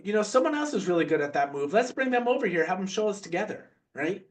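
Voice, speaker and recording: A man's voice: sits high, very animated, fast, far from the mic. A man, a mindset coach, giving a motivational talk on parenting in an earnest, conversational way, often checking in with his listeners.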